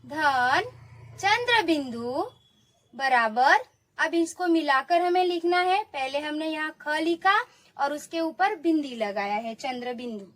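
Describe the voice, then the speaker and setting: A woman's voice: high-pitched, expressive, takes it slowly, fairly bright tone. A woman teaching young children, coaxing them to repeat sounds after her and praising each answer. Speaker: primary school teacher. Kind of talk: online lesson for young children.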